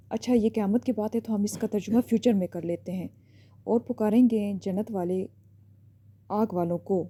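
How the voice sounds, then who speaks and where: In a recorded lesson, a female teacher speaks at a medium pitch with a very dark, mellow voice. She explains each point step by step, often pausing for a quick "ठीक है" (okay) before continuing.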